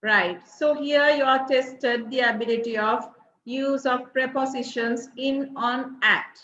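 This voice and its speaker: A woman's voice: sits high, fairly even intonation, takes it slowly, fairly bright tone. A woman teacher giving a revision lesson, checking in with "right?" and "okay?" after nearly every point. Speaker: English teacher. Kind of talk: recorded grade-six revision lesson. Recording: roomy, dull lo-fi recording.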